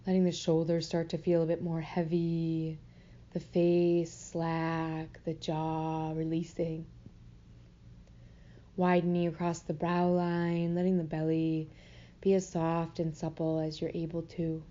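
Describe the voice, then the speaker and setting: A woman with a low-sitting voice leads a guided meditation, gentle and soothing, unhurried and full of long pauses. Her delivery is completely flat, and the audio comes across slightly muffled.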